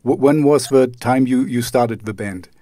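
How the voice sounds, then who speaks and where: Hesitant non-native host, dry sound. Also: male voice, mid-range voice, a little slow, mellow, dry recording. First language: not English. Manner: hesitant, stumbles and repeats words. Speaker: podcast host. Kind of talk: casual interview questions.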